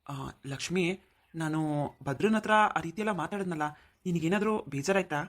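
A woman's voice: lowish voice, brisk, lightly acted. A woman voicing a kind, teasing young man. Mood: apologetic. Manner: soothing, playful reassurance. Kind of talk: cartoon voice acting.

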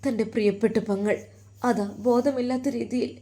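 Woman storyteller, fairly high voice, dramatic emphatic narration. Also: steady tone, moderate pace, dark tone.

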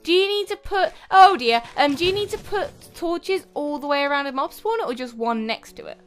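Very high, excitable woman gaming. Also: a little fast, faint music behind. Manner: excitable, cries out in alarm. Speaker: co-player. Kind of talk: excited gameplay chat.

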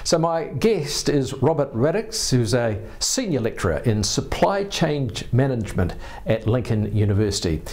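A man's voice: medium pitch, very animated, normal speed, darkish tone. Older New Zealand man, studio TV host, easy conversational presenter. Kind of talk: TV interview hosting.

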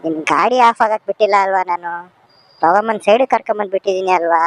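A bossy, back-talking motorbike, as a man puts on its voice, scolding its rider nonstop in a comic motovlog. The voice sits fairly high and races along at a rapid clip. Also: natural voice, low-quality recording. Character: cheeky nagging talking motorbike.

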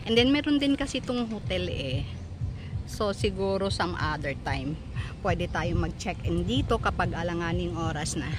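A woman's voice: on the low side, expressive, normal speed, noisy background. A middle-aged woman with a Filipino accent chatting casually to her phone camera as a vlogger, laughing easily and mixing in English. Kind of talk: casual travel vlog chat. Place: outdoor garden restaurant, then inside a car. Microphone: phone held at arm's length.

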